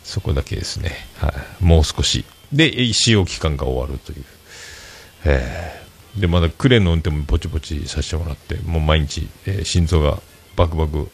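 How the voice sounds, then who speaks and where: A man's voice: a bass voice, a little fast, a little hiss or hum. A man hosting a casual solo livestream, rambling through his week in a chatty, self-mocking way. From Fukuoka, Japan. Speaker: livestream host.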